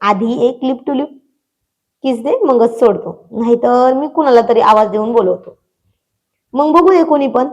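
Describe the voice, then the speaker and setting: A woman's voice: on the high side, unhurried, darkish tone, lo-fi sound, natural voice. Teasing young man, as a woman narrator voices him. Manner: teasing, coaxing.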